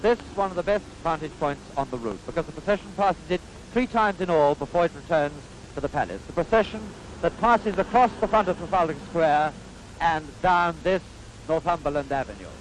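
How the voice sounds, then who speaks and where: A man on the high side in pitch speaks with a Received Pronunciation British accent, giving stately, formal 1950s newsreel commentary in measured phrases. The vintage soundtrack is low-quality, with slight hiss or hum.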